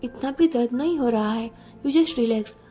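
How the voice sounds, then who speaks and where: A woman's voice: a little high, measured pace, dark tone, faint music behind, lightly acted. A woman voicing a shy, sulky young wife in a narrated storybook romance, pouting and playful. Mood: soft.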